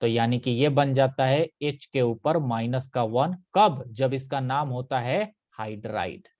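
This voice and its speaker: A man's voice: medium pitch, a little slow, highs cut off. A man teaching a live online chemistry class, patiently repeating key points and checking that students follow.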